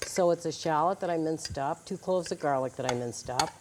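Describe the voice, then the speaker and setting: A woman's voice: low-pitched, brisk, a little mellow, slight background noise. A woman guest cook demonstrating a recipe on a TV kitchen set, encouraging and explaining each step. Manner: encouraging, explains as she works. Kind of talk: cooking demonstration. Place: TV studio kitchen.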